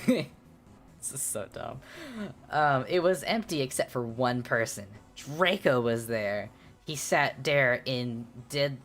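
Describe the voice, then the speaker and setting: A woman with a strikingly deep, low voice reads a fan fiction aloud for her stream. She keeps stopping for sardonic, giggly asides that mock the writing. Soft music plays underneath.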